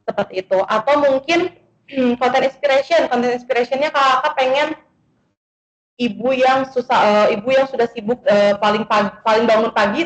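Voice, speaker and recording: A woman speaking as the guest content creator in an online sharing session, chatty and animated, with many fillers. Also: sits high, reverberant, muffled recording.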